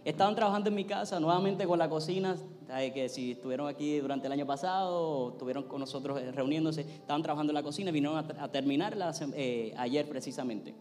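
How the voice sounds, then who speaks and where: Male pastor, high voice, fervent sermon and prayer, long reverb in the sanctuary. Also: fast talker, darkish tone. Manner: preaches with rising intensity, prays fervently. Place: church sanctuary. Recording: long hall reverb, faint music.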